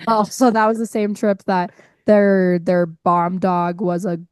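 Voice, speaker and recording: Husky woman co-host with a cold. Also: mid-range voice, level tone, unhurried, darkish tone, no room sound, studio quality. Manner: curious, asks questions. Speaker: podcast co-host. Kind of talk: casual podcast chat.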